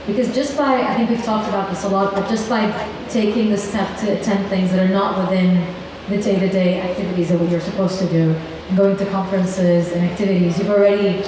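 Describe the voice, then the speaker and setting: Earnest woman panelist in echoey hall. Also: mid-range voice. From Lebanon. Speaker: program manager, panelist. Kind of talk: panel answers. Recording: echoey hall, mic far, noisy.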